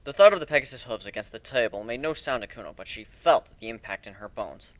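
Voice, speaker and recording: A male narrator reads a story aloud dramatically, with a measured, deliberate delivery and expressive emphasis. His voice sits in the mid range, and there's no room sound.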